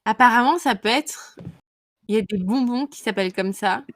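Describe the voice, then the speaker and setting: A woman co-hosting a casual podcast chat, giggly and quick, often breaking off mid-sentence. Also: a little high. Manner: giggly, quick, easily distracted. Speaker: podcast co-host.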